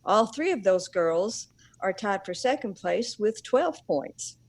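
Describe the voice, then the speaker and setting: Woman co-hosting with quick comebacks. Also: mid-range voice, animated. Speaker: podcast co-host. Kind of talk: casual podcast chat.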